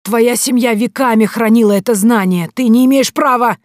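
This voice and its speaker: A woman reading an audiobook, voicing a stern old village grandmother who scolds in a shrill, raised voice. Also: normal speed, darkish tone, no echo, natural voice. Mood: scolding.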